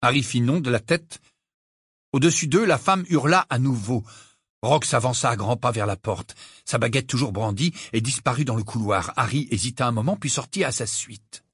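A man narrating an audiobook with expressive storytelling. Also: medium pitch, normal speed, slightly rough, dry recording, clean studio sound. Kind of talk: scripted narration.

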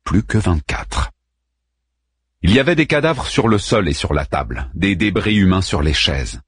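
A man narrating an audiobook in an expressive reading. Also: low-pitched, normal speed, breathy edge, no echo, studio quality. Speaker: audiobook reader. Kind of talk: scripted narration.

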